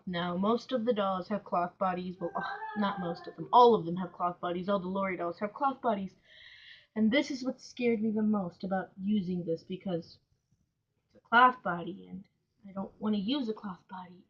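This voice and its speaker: A woman giving casual, self-mocking commentary while she does a craft project, groaning dramatically now and then. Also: medium pitch. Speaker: vlogger. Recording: dull, lo-fi home recording.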